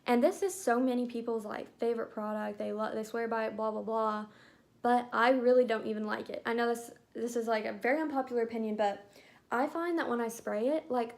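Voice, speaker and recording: A woman's voice: on the high side, steady tone, brisk, creaky, darkish tone. A young woman chatting casually about makeup, rambling with lots of filler words. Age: young adult. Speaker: beauty vlogger. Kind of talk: casual chat.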